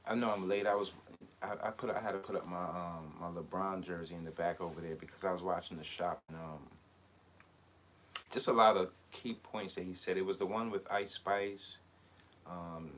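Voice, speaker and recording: A man's voice: low voice, a little hiss or hum. A man from Barbados, a clothing designer hosting a live chat, talking casually and rambling with many hesitations and fillers. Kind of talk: casual live-stream talk.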